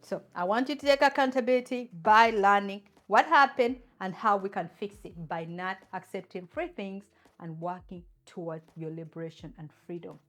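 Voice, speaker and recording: Soft background music accompanies a Ugandan woman who runs her own channel as she talks opinion straight to camera, full of emphasis and rhetorical questions. She has a fairly bright, mid-range voice and speaks at a moderate pace with hardly any pauses.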